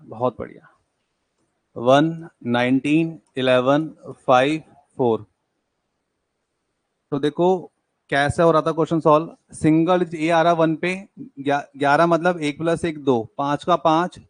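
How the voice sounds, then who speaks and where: A young man teaching an exam-prep class, working through puzzles by counting digits aloud, briskly urging students on. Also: fairly high pitch, fairly even intonation, dry recording. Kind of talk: live classroom lecture.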